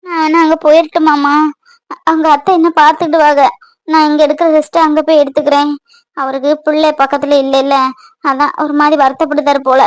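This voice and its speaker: A woman's voice: high-pitched, flat delivery, a little fast, dry recording, lightly acted. Woman voicing a pleading young mother. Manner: pleading, soft and emotional. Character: young married mother, tender and worried.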